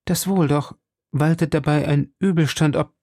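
A man's voice: on the high side, fairly even intonation, normal speed, darkish tone, no room sound, pitched above the performer's own voice. A man voicing a frightened young woman in hiding, pleading urgently with her rescuer in a raised voice. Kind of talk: audiobook character voice.

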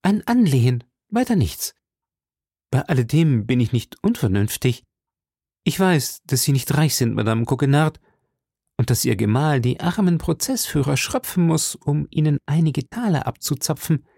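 A reader playing a vain swaggering musketeer, grand and self-pitying, gravelly lively delivery, audiobook. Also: mid-range voice, moderate pace, no room sound, clean studio sound, voice pushed up. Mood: affronted. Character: vain boastful male musketeer, pompous nobleman. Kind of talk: audiobook character reading.

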